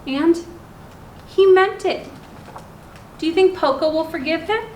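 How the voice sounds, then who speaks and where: The library's story time host is a woman with an extremely high pitch and a darkish tone, who reads to young children slowly and instructively, asking them simple questions along the way. The room echoes, and background noise comes through clearly.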